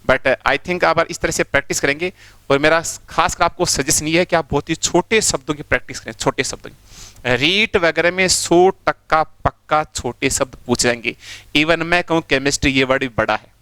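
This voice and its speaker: A man's voice: on the high side, moderate pace, bright, forceful tone, smooth, no room sound. A male teacher giving a step-by-step phonetics lesson, repeating sounds and often asking students to pay attention. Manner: repetitive, explains step by step, keeps urging attention.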